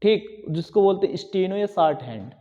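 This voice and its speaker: A man's voice: sits high, expressive, brisk. A man teaching a classroom lecture, urging students in a repetitive, conversational way. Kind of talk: classroom lecture on exam preparation. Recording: dull lo-fi sound with long reverb.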